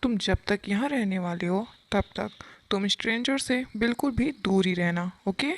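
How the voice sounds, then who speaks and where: A woman's voice: mid-range voice, dry recording, studio quality, natural voice. Woman voicing a stern secretive businessman dad. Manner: scolding, commanding, grows heated and fast. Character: stern businessman father, short-tempered and secretive. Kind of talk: Hindi fan-dub audio drama.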